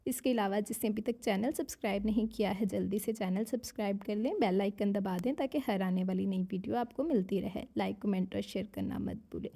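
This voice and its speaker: A woman with a sore, hoarse throat, chatting casually as a channel host while reading viewer comments, slipping English phrases into her speech. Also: medium pitch, brisk, hardly any pauses, warm tone. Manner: talks while eating. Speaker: novel narrator and channel host.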